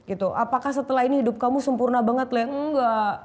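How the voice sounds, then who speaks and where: Animated young woman telling her story. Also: a little high, fast talker. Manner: animated storytelling, acting out quotes with shifting voice. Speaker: guest sharing her testimony. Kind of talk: emotional conversational testimony.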